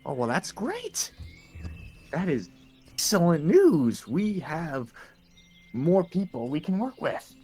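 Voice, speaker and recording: A man's voice: a little high, wildly swooping pitch, slow, long pauses, mellow, breathy edge, soft background music. A man playing in a tabletop roleplaying game, talking casually in character.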